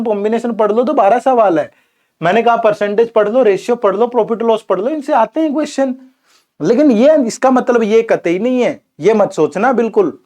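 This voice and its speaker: A man's voice: high-pitched, a little mellow. A young man teaching an exam prep lesson in casual Hindi, who keeps saying "theek hai" and "yaar". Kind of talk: informal Hindi lecture.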